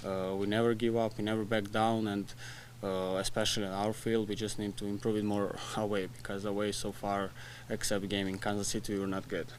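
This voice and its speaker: A young man answers reporters after a match, talking in plain, halting bits, restarting phrases, with a soft laugh now and then. His voice sits low and stays flat. The desk mic catches faint room hum. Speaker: soccer player. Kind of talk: post-match press conference. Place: press room in front of a sponsor backdrop. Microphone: desk mic in front of him.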